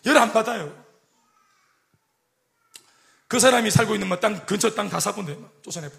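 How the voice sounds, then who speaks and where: A middle-aged man preaching a sermon as pastor, animated and joking, acting out quoted voices. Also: sits high, moderate pace, creaky. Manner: animated, acts out quoted voices and jokes with the congregation.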